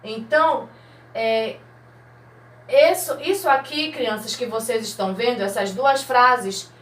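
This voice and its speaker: A Brazilian woman teacher explaining a lesson to young children, slow and patient, step by step. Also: on the high side, fairly bright tone, reverberant. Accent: Brazilian Portuguese. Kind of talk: recorded remote lesson for children.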